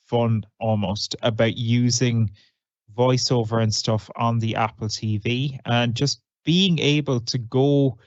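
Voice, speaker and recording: A man's voice: medium pitch, dry recording. A man hosting a podcast, upbeat and conversational as he introduces segments and questions a guest. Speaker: podcast host. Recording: dry, slightly dull lo-fi sound.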